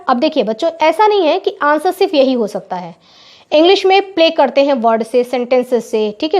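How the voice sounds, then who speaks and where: A woman teacher explaining classroom English to children in Hindi, saying each English phrase slowly and clearly. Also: high voice, darkish tone. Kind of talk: spoken English lesson for children. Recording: dull, lo-fi recording.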